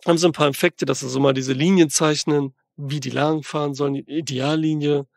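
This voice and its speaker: A man hosting a film podcast, rambling excitedly and slangily as he retells and tears apart a movie in casual chat. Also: on the high side, brisk, vocal fry, no echo, studio quality.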